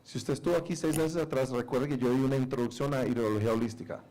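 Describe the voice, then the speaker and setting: Guy interpreting a talk line by line, soft dark mellow voice, bit hesitant. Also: medium pitch, steady tone, fast, rough recording. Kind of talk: consecutive interpretation of a lecture.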